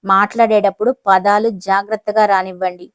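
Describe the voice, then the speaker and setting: A woman voicing a cold, menacing young businessman who speaks in a calm, dismissive way. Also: medium pitch, brisk, no echo, lightly acted. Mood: cold, controlled.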